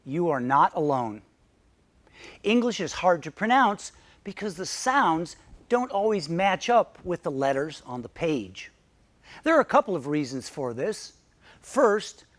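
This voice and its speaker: A man from Michigan, United States, with a Midwestern American accent and a voice that sits high, narrates a scripted English pronunciation lesson. As narrator and teacher, he says example words slowly, carefully and with clear enunciation.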